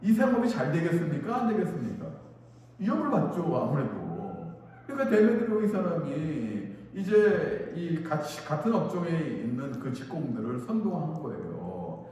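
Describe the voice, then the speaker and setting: Male pastor, high lively voice, preaching in a big reverberant hall, mic far off. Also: normal speed. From Korea. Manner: animated, acts out crowd chants. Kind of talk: sermon. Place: church sanctuary. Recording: echoey church hall from far off.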